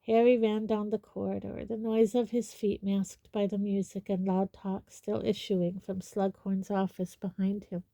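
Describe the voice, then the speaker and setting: A woman reading a novel aloud in steady audiobook narration. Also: medium pitch, measured pace, vocal fry, few pauses, no echo. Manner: steady storytelling. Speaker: audiobook reader.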